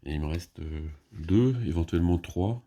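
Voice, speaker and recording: A man walks through his board game turns in a relaxed, halting way, often stopping to restart a phrase. His voice sits very low with a gravelly fry and a husky edge. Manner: hesitant, many fillers and restarts, thinking aloud. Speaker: board game player explaining a solo playthrough. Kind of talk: casual play-by-play explanation.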